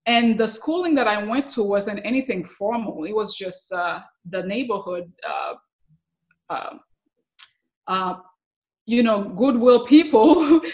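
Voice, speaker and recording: A woman from Haiti, a success coach, telling her life story as a guest in an interview, laughing often and pausing with fillers. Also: a little high, dull audio. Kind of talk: interview conversation.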